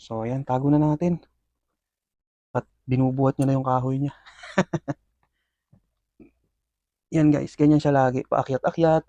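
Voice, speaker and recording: Here a scorpion keeper hosting his own video chats casually with viewers while feeding his pets, narrating the action with excitement and plenty of filler words. His voice sits in the mid range, and he speaks unhurriedly with frequent pauses. The recording is muffled but free of echo.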